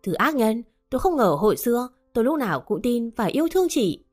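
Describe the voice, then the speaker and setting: A woman's voice: on the high side, sing-song, brisk, a little mellow. A wounded young daughter, played by a woman storyteller, speaks in a bitter, reproachful tone. Faint background music plays. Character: upset young daughter of the house.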